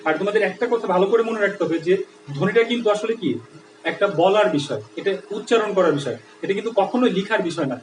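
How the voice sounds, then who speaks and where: A male teacher with a high, quick voice walks students through a grammar lesson step by step, checking often that they follow. He sounds set back from the mic in an echoey room with a faint hum of noise. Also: expressive, recorded from a distance. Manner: explanatory, with frequent checks like "right?". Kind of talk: online Bangla grammar lesson.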